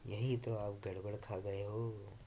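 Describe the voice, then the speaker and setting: A man's voice: fairly low pitch, flat delivery, measured pace, warm tone, a little hiss or hum. A man teaching English grammar in Hindi, coaxing and repeating his points patiently. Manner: coaxing, repeats points, calls students "babu". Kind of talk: Hindi-language grammar lesson.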